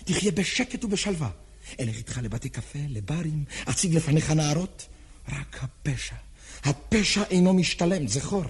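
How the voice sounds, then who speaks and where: A man's voice: a little high, lively intonation, breathy edge, exaggerated voice. An actor playing an anxious, earnest man who pleads and rambles with nervous laughs in a stage drama. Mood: anxious pleading. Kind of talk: theatrical drama acting.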